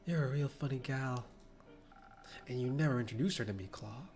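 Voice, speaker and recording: A man doing a gruff pirate handywoman. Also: medium pitch, normal speed, a little mellow, soft background music, natural voice. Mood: teasing. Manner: sly, joking, conspiratorial. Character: brash one-armed female pirate-voiced handywoman.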